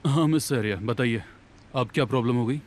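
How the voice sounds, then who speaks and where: An actor playing a firm, protective family man in a dubbed TV drama, over loud background music. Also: mid-range voice, brisk, noisy background, natural voice. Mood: calm. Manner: firm, scolding when angry. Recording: loud music under dialogue.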